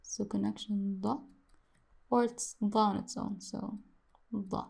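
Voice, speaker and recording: Woman tutor, casual lesson, drawls slowly, repeats each sound, thinks aloud. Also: medium pitch, steady tone, creaky, mellow, husky. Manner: slow, repeats sounds many times, muses aloud. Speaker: language teacher.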